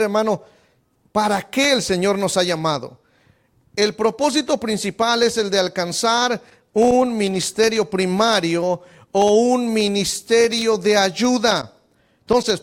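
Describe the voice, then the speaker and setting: A male pastor teaches Scripture in a methodical way. His voice sits high and he moves at a slow, deliberate pace, repeating words as he thinks. He addresses the listeners as brother and punctuates his points with amen. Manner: methodical, spells out word accents and Strong numbers, addresses listeners as brother; frequent amens and repeated stammered words. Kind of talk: Bible teaching lesson.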